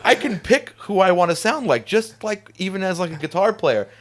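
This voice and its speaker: A man hosting a casual studio conversation, talkative and animated, laughing often. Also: high voice, fairly quick. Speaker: podcast host. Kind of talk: casual chat.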